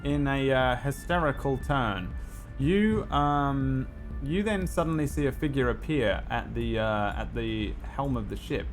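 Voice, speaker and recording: A man runs a tabletop game as game master. He speaks at a middling pitch, improvising the scene haltingly and thinking aloud. Music is clearly audible behind him.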